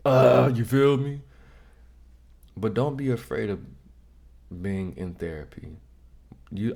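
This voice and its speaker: A man's voice: deep voice, dark tone. A man hosting a casual reaction vlog, giving direct, slangy advice and often repeating himself. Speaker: vlog host.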